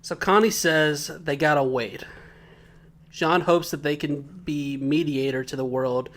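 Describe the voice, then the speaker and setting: Podcast co-host, male, slightly high voice, casual laughing recap. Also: fairly even intonation, measured pace, a bit bright. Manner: laughing, joking recap of notes. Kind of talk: casual episode recap chat.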